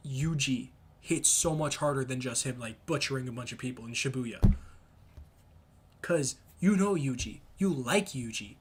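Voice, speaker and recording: A young man chatting casually and emphatically in slang, thinking out loud as he rambles through his opinions. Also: mid-range voice, breathy edge. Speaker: solo commentator reading and reacting to comments. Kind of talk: casual rambling chat about comics and anime.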